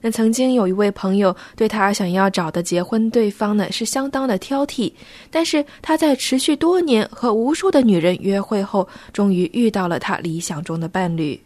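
Measured female radio co-host, dry studio. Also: mid-range voice, darkish tone, no room sound.

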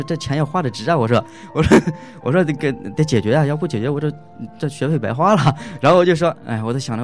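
Halting, chatty man telling a story. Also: medium pitch. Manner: halting, full of fillers and restarts, laughs often. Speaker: husband giving a couple's testimony. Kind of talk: casual spoken testimony.

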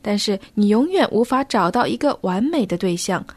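Measured female radio co-host, dry studio. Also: medium pitch, animated, dry recording.

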